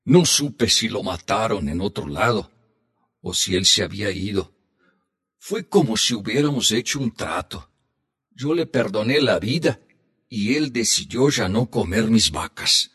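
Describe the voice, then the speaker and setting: A man voicing a husky old grandfather storyteller. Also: on the low side, expressive, fairly bright tone, heavily acted. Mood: reminiscing. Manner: slow, heartfelt storytelling. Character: old grandfather telling a hunting tale. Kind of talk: storybook reading.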